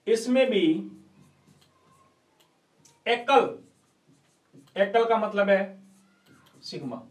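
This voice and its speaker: A man's voice: sits high, expressive, extremely slow. A male chemistry teacher giving an online class lecture, playful and coaxing, quizzing students with rhetorical questions and folksy sayings. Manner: calls students "beta ji", uses folksy sayings. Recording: echoey room, distant mic.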